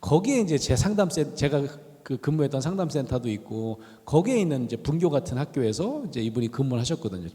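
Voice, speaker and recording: With a mid-range voice and hardly any pauses, a middle-aged guest professor speaks fast through a storytelling lecture. He acts out the voices he quotes with animation, and the large chapel hall gives a long reverb.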